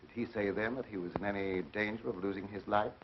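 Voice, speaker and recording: An actor playing a grandiose, resentful mad scientist in an old horror film, speaking formally and theatrically with menacing politeness. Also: male voice, lowish voice, steady tone, fast, background noise, close to an everyday voice. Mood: scornful, menacing. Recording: muffled old film soundtrack.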